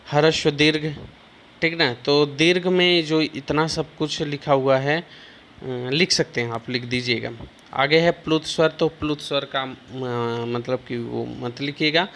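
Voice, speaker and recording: A man's voice: mid-range voice, fairly bright tone, slight background noise. A man teaching a class, explaining step by step and checking in with his students again and again. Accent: Hindi. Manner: slow, repeats "ठीक ना" as a check-in. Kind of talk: online class lesson.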